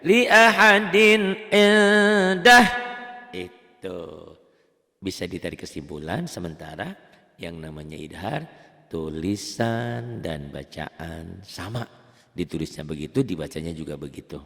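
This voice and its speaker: An Indonesian man teaching a beginner tajwid lesson, who asks and answers his own questions and chants the Arabic examples slowly. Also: expressive, gravelly, darkish tone, long reverb tail. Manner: explains plainly, then chants Arabic examples slowly in a high voice. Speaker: Quran recitation teacher.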